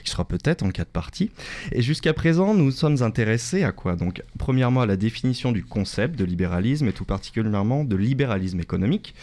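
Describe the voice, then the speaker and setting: A man's voice: medium pitch, lively intonation, quick pace, a little mellow. A man giving a prepared radio talk on economic history, lecturing and correcting himself with small jokes. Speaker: radio columnist.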